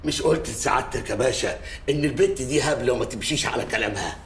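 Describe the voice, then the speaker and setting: A man's voice: medium pitch, very fast, a little hiss or hum, natural voice. An actor playing a shifty father, talking in a wheedling manner with an Egyptian accent. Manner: wheedling, animated. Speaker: father accused by police. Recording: echoey room.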